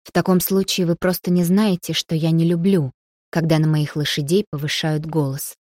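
A woman's voice: sits low, flat delivery, moderate pace, no room sound, studio quality. A woman reading an audiobook, voicing a cool, imperious young noblewoman who talks curtly and sharply. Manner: curt and sharp-tongued.

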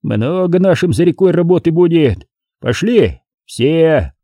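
A man's voice: a little high, expressive, a little slow, warm tone, dry recording, studio quality, voice pushed up. A man voicing a blunt old war commander who barks orders and grumbles. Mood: commanding.

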